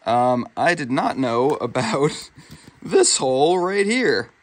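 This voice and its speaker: Slow yet very animated, a medium-pitched young man vlogs casually to camera outdoors on a mountain trail during a long-distance hike. He holds the phone at arm's length and pokes fun at himself wryly.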